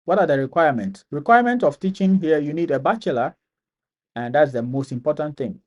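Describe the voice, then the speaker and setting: A man with a Ghanaian accent runs a live-stream Q&A, reading viewers' comments aloud before answering each one. He often repeats his phrases for emphasis, and his voice sits a little higher than most men's. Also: expressive, fairly quick, lo-fi sound. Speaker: channel host answering viewer questions.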